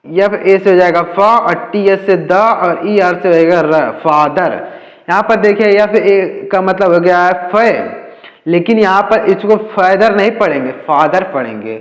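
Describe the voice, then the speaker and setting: A man teaching English reading in Hindi, spelling words out letter by letter and asking the class questions that he answers himself. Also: on the high side. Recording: echoey room with long reverb.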